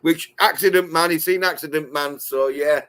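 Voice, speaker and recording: A man's voice: fairly high pitch, fairly even intonation, normal speed, a bit bright. A man in casual chat, rambling and swearing with heavy emphasis.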